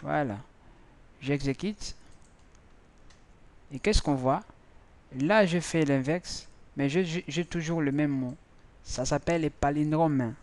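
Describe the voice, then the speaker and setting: Guy teaching code, slightly high voice, talks slow and stop-start, keyboard clacking behind. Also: darkish tone. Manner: halting, repeats words, thinks aloud while typing. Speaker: programming teacher. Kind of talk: screen-recorded coding tutorial.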